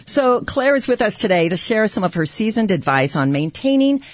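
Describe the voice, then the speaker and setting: A woman's voice: medium pitch, big pitch swings, moderate pace, dry recording, clean studio sound. Chatty woman radio host. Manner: upbeat, chatty, laughs easily. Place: radio studio.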